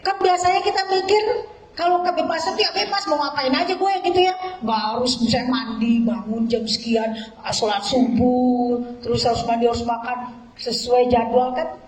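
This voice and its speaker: A woman guest speaker at a book discussion, talking conversationally to an audience in an animated way. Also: high voice, fairly quick. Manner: animated, repeats "luar biasa", laughs at points. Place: hall with audience. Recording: echoey hall.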